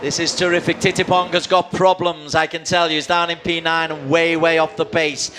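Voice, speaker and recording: A man's voice: on the high side, little pitch movement, brisk, over music. A man working as a motorsport commentator, calling a live motorcycle race with dramatic play-by-play.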